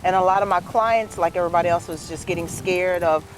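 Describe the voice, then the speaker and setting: A woman around fifty who owns a dress business chats casually as an interview guest, telling her story and saying "you know" a lot. She talks fast in a fairly low voice, with slight background noise.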